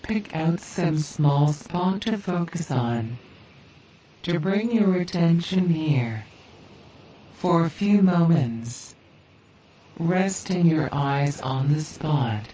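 A woman with a dark, mellow voice guides a hypnotic relaxation session. She speaks extremely slowly and soothingly, leaving deliberate pauses between phrases. The recording is roomy and slightly distant. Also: sits low, expressive. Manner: slow, soothing, deliberate delivery with long pauses. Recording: roomy, distant, hissy background noise.

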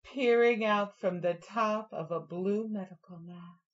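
A woman giving slow, hypnotic guided narration, soft and breathy at times, dominant and coaxing, drawing her words out. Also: medium pitch. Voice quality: soft and breathy, dropping to whispers. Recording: dull lo-fi recording.

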